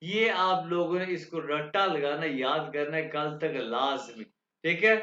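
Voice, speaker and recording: A man teaching a language lecture. He explains slowly and repeats himself, stopping often to check that the students follow. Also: a little high, pushed and bright. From Pakistan. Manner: slow and repetitive, checking understanding with the students. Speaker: German teacher. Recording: echoey room, dull lo-fi sound.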